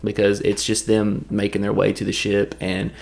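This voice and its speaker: This man's creaky, darkish voice sits on the low side, and his delivery is completely flat. A Tennessee native with a Southern accent, he reviews a movie in a loose, jokey, meandering recap that drifts into quick impressions.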